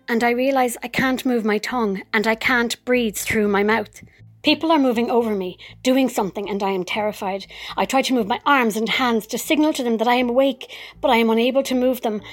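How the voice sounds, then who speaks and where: An actress narrating a personal memoir in a wry, vivid way, with sudden outbursts. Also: female voice, on the high side.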